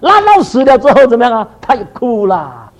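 A man preaching a sermon, animated and full of rhetorical questions to his listeners, with short English phrases dropped in. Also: very high voice, brisk. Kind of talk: sermon to a congregation.

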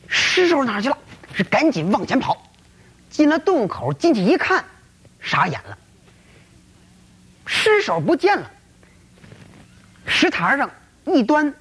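A woman's voice: a little high, slightly rough. A woman telling a story in a dramatic, colloquial storytelling style full of exclamations. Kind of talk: traditional storytelling.

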